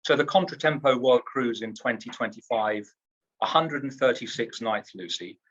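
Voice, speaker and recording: Upbeat husky British man pitching cruises. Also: normal speed, fairly bright tone, muffled recording. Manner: upbeat, salesy, repeats words as he restarts. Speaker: cruise line executive. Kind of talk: trade interview.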